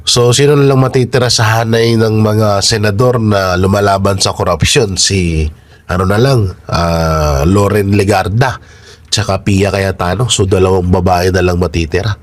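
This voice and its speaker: A man with a stuffy, blocked-nose voice gives informal, halting political commentary to his followers, often asking rhetorical questions. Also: low voice, fairly even intonation, no echo. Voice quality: congested, stuffy-nosed voice. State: nasal congestion.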